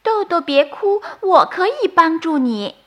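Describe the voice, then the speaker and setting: A woman voicing a kind little female fairy who speaks gently and helpfully in a storybook tale. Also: very high voice, big pitch swings, unhurried, pitched above the performer's own voice, exaggerated voice. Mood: gentle.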